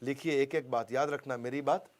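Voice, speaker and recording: A man's voice: medium pitch, steady tone, normal speed. Emphatic man coaching a live crowd. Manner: call-and-response, has the audience finish lines; emphatic, repeats key phrases. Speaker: business coach. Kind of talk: motivational business seminar.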